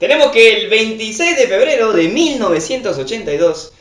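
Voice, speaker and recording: A podcast co-host chiming in with quick teasing jokes in casual comedy banter. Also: mid-range voice, lively intonation, echoey room, very noisy.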